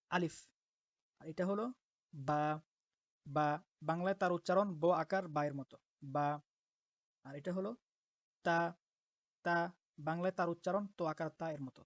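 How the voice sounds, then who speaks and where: A woman teaching the Arabic letters step by step as a Quran teacher, patiently repeating each sound slowly. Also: fairly low pitch, dry recording. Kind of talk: step-by-step alphabet lesson. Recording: dull lo-fi dry recording.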